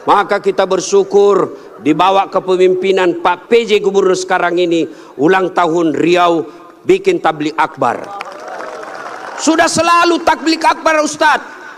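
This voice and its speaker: A male preacher gives a humorous sermon at a big religious gathering, telling funny stories and jumping to high-pitched punchlines. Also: a little hiss or hum. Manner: jokey, storytelling, animated with sudden high-pitched punchlines.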